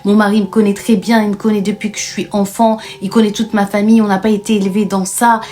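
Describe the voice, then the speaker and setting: A woman's voice: medium pitch, level tone, quick pace, darkish tone, pitched above the performer's own voice, natural voice. A woman voicing a scheming woman who scolds with false righteous indignation. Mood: indignant.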